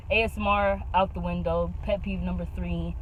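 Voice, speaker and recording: A young woman vlogging in a casual chat, animated and slangy, leaning hard on "bro" and "like.". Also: fairly low pitch, moderate pace, phone-quality sound, slight background noise.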